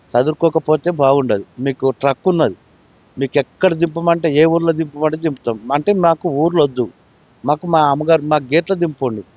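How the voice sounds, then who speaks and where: A man, an eyewitness recounting events to a reporter in plain, steady storytelling. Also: on the high side, no echo. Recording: dry, dull lo-fi field recording.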